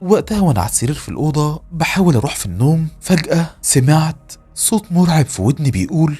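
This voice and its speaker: A man with an Egyptian Arabic accent tells a first-person horror tale in a tense, dramatic, emotional way. His pitch swoops widely, and his voice has a slightly husky edge. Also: big pitch swings, quick pace, mellow, soft background music. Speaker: storyteller.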